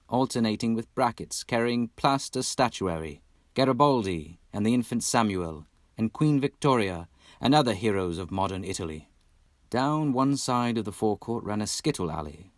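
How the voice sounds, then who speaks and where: A Texan man with a fairly low voice narrates a classic storybook expressively in a put-on British accent. He is an amateur audiobook reader, recorded with studio quality and no room sound.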